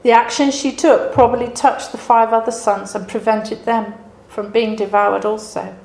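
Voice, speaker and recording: A woman's voice: on the high side, fairly even intonation, moderate pace, gravelly, darkish tone. A woman giving an earnest, reflective devotional Bible message in a dramatic storytelling manner. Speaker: preacher. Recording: roomy echo.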